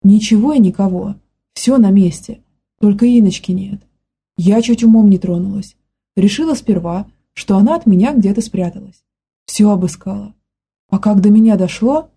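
Scared young nanny, plain folksy speech, dark husky tone, as read by a woman narrator. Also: mid-range voice. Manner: plain folksy talk, quick to panic.

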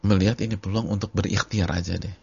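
A man's voice: low-pitched, steady tone, quick pace, vocal fry, husky, highs cut off. A male Islamic preacher giving a sermon, repeating phrases for emphasis and addressing the congregation directly. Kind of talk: sermon on a hadith book.

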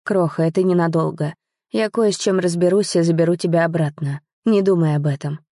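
A woman's voice: lowish voice, brisk, dry recording, studio quality. A woman reading as a guilt-ridden young lover. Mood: pleading. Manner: soft, pleading, earnest.

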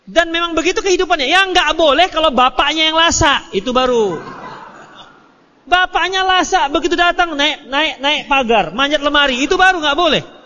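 A man preaching in a very high, bright voice, giving a lively study lecture and answering questions. He acts out short exchanges between people and drops joking asides. The recording is muffled and rings with the long echo of a hall. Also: moderate pace. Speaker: Islamic preacher.

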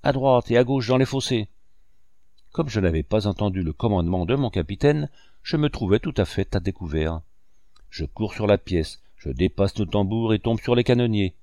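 A man narrating a first-person memoir in a steady, measured way. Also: on the low side, no room sound, clean studio sound. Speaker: audiobook reader.

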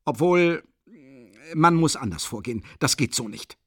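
A man doing a flustered, pompous gentleman. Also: fairly high pitch, lively intonation, measured pace, no room sound, clean studio sound, pitched above the performer's own voice. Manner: stammering, hesitant, pompous.

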